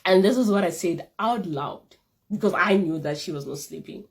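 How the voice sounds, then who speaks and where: A woman tells a personal story in a casual vlog, animated and laughing often. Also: normal speed. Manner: animated, laughing often, lively pitch jumps. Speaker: vlogger.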